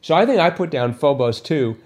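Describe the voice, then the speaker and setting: A man co-hosting a casual podcast chat about a crossword, soft-spoken and hesitant, often correcting himself. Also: on the high side, animated, fairly quick. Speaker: podcast co-host.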